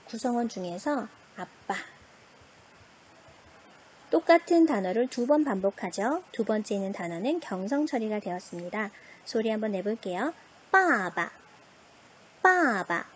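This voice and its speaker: A woman teaching an online Chinese pronunciation lesson, drawing out example words slowly and asking and answering her own questions. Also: medium pitch, darkish tone, breathy edge.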